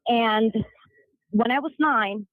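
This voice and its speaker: A woman's voice: on the high side, slow, dry recording, phone-quality sound. A woman from Chile, a guest on a podcast, telling her personal story earnestly with some fillers. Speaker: interview guest.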